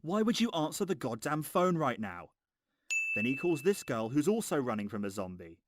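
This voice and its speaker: A man's voice: mid-range voice, big pitch swings, normal speed, a little hiss or hum. A man narrating a scripted film review in a mocking, exasperated, sweary way.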